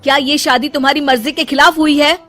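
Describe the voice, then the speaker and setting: A woman's voice: high voice, fairly even intonation, brisk, background noise, close to an everyday voice. A woman voicing a concerned young husband in a cartoon story, pleading with his wife. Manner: questioning, pleading. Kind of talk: cartoon voice acting.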